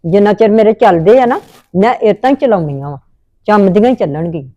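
A woman's voice: medium pitch, expressive, a little fast, warm tone, no echo, lo-fi sound. A woman with a Punjabi accent acting a scolding, indignant mother-in-law in a family drama.

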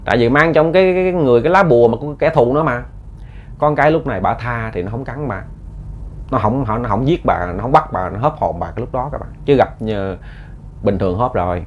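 Folksy ghost-story teller. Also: male voice, medium pitch, expressive, quick pace, dull audio, slight background noise. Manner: folksy, repetitive, addresses listeners directly.

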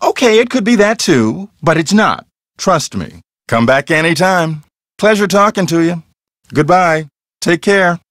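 This acted video game line comes from a man with a high-sitting, expressive, fairly bright voice, recorded cleanly with no echo. Unhurried, he voices a confident, earnest ghost hunter in a mystery game who explains matters plainly and conversationally, sounding wry and measured before turning friendly.

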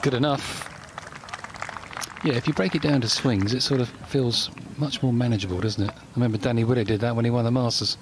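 A man's voice: mid-range voice, steady tone, a little fast. A man giving conversational live golf commentary, often turning remarks into tag questions. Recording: noisy outdoor broadcast ambience.

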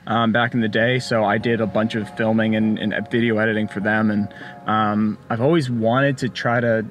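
A man's voice: on the low side, level tone, normal speed. A man in his twenties chatting in the passenger seat of a parked car, easygoing and jokey, with many fillers. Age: 20s. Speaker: co-host. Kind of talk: casual Q&A chat. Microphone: camera on the dashboard.

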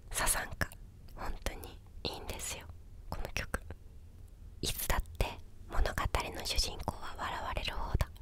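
A young woman chatting casually in a soft, breathy ASMR whisper, close to a desktop microphone in a small room. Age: young adult. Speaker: ASMR video creator. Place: small quiet indoor room with a bed or sofa. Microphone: desktop condenser microphone, close up.

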